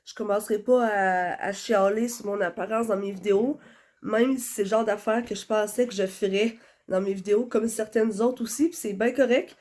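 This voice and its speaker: Talking casually into her phone camera, a young vlogger with a Quebec French accent rambles with lots of fillers, stuffed up from a cold. Her medium-pitched voice is steady and darkish, at a moderate pace.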